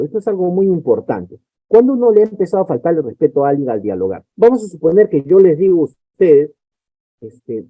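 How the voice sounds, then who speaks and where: A man's voice: a little high, no room sound. Lecturing man over a tinny line. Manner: explanatory, acts out example dialogues. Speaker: lecturer on conflict management. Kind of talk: conference lecture. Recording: dry, phone-like narrow sound.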